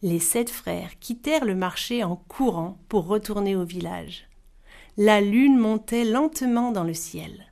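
Expressive woman reading a storybook. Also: medium pitch, a little slow, vocal fry. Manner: expressive, varied voices for characters. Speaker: narrator.

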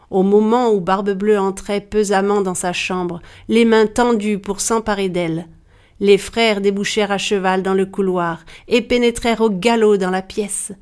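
A woman narrating a dark fairy tale in a measured, dramatic storytelling manner. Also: medium pitch.

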